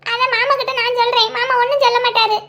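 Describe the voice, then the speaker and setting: A woman voicing a gentle young friend in a cartoon, speaking in a soothing, coaxing way. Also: very high voice, level tone, fast. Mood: consoling.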